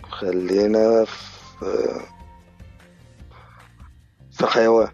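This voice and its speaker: A low-pitched Egyptian man with an Egyptian Arabic accent calls in to a radio quiz. His gravelly voice comes through a dull, low-quality phone line with faint music behind it. He keeps his answers short and polite. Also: level tone, drawn-out words, a little mellow. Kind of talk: casual phone call to a live show. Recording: muffled phone-line audio.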